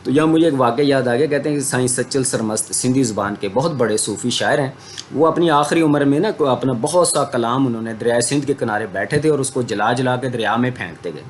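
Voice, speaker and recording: A male teacher explaining a religious studies lesson. He talks in an easy, conversational way and keeps adding everyday examples to make his points. Faint background noise sits under his voice. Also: mid-range voice. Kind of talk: Islamic studies lecture.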